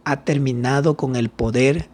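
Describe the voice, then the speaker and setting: A man's voice: mid-range voice, steady tone, measured pace, darkish tone. A man, a pastor, teaching a Bible study lesson, reading scripture aloud and explaining it with questions.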